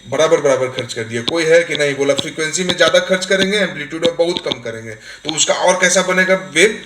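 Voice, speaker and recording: A man teaching a recorded exam-coaching lecture, explaining with everyday examples and often checking that students follow. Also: a little high. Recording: echoey room, faint hiss.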